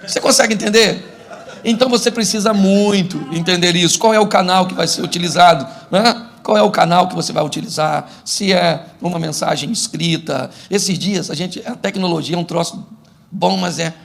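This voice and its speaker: A middle-aged Brazilian man, a pastor, preaching a humorous sermon and acting out couples' arguments in an animated way. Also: high voice, moderate pace, gravelly. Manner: animated, acts out couples' quarrels for laughs.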